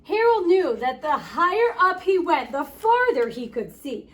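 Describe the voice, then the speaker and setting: Reading a picture book aloud to children, a woman tells the story in an expressive, playful way and drops in chatty asides. Her voice is high-pitched and her pace unhurried.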